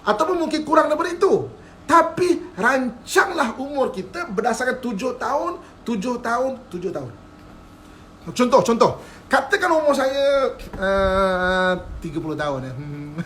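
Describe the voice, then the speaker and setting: This religious teacher's voice is extremely high, a bit bright, and full of big pitch swings at normal speed, with a little hiss or hum in the recording. Speaking with a Malaysian Malay accent on a live-streamed lecture, he's playful, often chuckles, and keeps asking if listeners follow.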